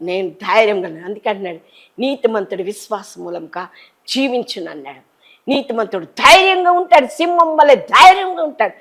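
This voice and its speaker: A middle-aged woman preaching an impassioned sermon, swinging between loud cries and soft, low asides. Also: expressive, brisk, slight background noise, low-quality recording.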